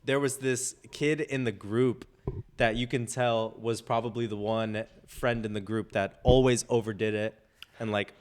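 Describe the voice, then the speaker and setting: A man's voice: fairly low pitch, steady tone, unhurried, clean tone. A young man on a casual podcast, telling a long story full of fillers and swearing. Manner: rambling storyteller, swears freely, many fillers. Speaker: podcast co-host.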